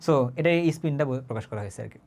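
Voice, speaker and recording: A man lectures on chemistry at a brisk clip, his pitch sitting in a middle range. He keeps his class talk casual, dropping in English words and often pausing to check that students follow. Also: dark tone. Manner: conversational, often checks understanding with quick tag questions. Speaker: chemistry teacher.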